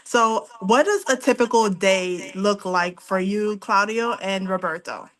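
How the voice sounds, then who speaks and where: A woman's voice: mid-range voice, unhurried, fairly bright tone. A woman hosting an interview, affirming her guests and asking them questions. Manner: affirming, encouraging. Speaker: host.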